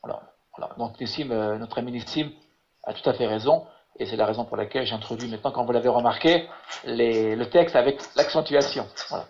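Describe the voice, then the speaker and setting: A man teaching Hebrew in an online lesson over a video call. He talks haltingly, repeating words and filling with "voilà". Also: mid-range voice, a little mellow. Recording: muffled lo-fi web call audio.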